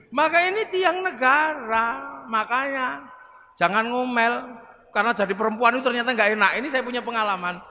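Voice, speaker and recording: Middle-aged man, Javanese accent, animated comic sermon, echoing hall, faint noise. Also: extremely high pitch. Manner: animated, jokey, acts out voices. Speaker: preacher. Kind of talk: humorous sermon storytelling.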